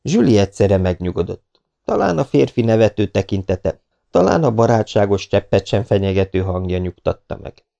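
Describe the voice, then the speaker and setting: A man narrating an audiobook in a steady, measured reading. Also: lowish voice, vocal fry.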